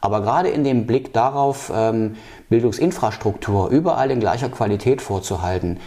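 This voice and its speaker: A man's voice: lowish voice, warm tone. A man answering interview questions about policy, with frequent fillers and restarts. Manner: halting, many fillers and restarts. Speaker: political candidate.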